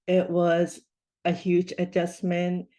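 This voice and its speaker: Lady in her 50s on a podcast, talks real slow w pauses, low voice. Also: completely flat delivery, mellow. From Thailand. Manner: measured, with frequent pauses and fillers. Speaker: interview guest. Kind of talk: podcast interview.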